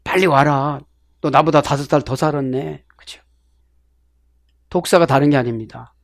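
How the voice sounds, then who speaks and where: Middle-aged male pastor, sermon delivery, animated and slightly high-voiced, dry close recording. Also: normal speed, vocal fry, no echo. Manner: animated, swings between loud exclamations and hushed asides. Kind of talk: sermon with Bible word study.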